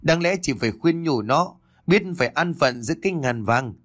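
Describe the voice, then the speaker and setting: A man's voice: on the high side, animated, moderate pace, a bit bright, no echo, clean studio sound, pitched above the performer's own voice. A man voicing a stern, furious old village mother who scolds harshly through gritted teeth.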